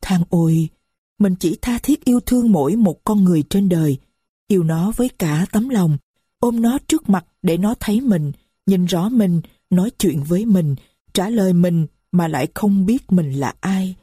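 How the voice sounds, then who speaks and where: Woman audiobook narrator, husky low voice, grave and sorrowful storytelling, dry sound. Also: expressive, moderate pace, warm tone, dry recording. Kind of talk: scripted story narration in first person.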